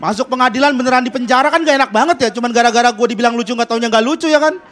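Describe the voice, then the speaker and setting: A man's voice: extremely high pitch, rapid-fire, a bit bright, a faint crowd. A man doing a stand-up comedy routine on a TV stage, ranting in a mock-indignant way. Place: television studio stage with audience.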